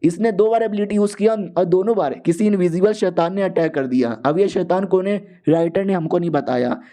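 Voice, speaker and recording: Young male recap host, chatty and casual, high-pitched, soft mellow timbre. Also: a little fast. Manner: chatty, mixes English words in. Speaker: recap video narrator. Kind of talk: casual Hindi story recap narration.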